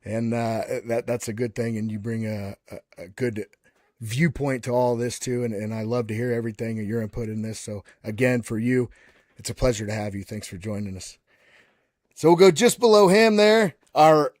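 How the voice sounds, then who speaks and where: Addressing everyone as buddy, a live panel show host runs his online panel in a relaxed, folksy style, often restarting sentences and repeating words. He has a mid-range, slightly mellow voice, recorded dry and clean in a studio.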